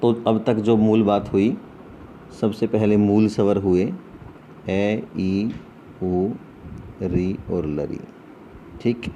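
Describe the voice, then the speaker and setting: A man leads an online lesson at a deliberate, unhurried pace, his voice mellow and low in brightness. He drills his pupils with questions and then answers them himself. A faint noise sits under the recording. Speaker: Sanskrit teacher. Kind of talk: online class lecture.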